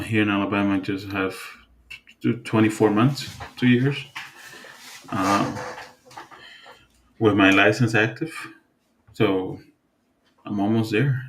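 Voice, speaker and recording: A man from the Dominican Republic co-hosting a podcast, talking in a relaxed, halting way with many fillers and restarts. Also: on the low side, gravelly, a little hiss or hum. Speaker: podcast co-host. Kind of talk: casual chat.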